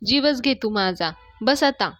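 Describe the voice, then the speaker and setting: A woman's voice: on the high side, expressive, measured pace, a bit bright, dry recording, clean studio sound, faint music behind. Coaxing young man, read by a woman. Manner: coaxing, reluctant.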